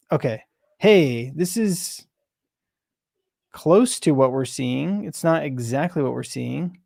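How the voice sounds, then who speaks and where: A software developer, a man, thinking aloud while debugging code, halting and self-questioning with many restarts. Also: mid-range voice, gravelly, dry recording, clean studio sound.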